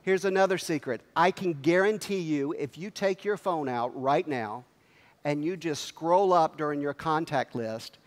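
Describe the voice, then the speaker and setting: Speaking at a convention, this middle-aged male executive delivers an energetic motivational talk, quizzing the audience with rapid questions in a fairly high voice. He wears a headset mic on a big convention stage, and the hall's reverb rings out long behind him.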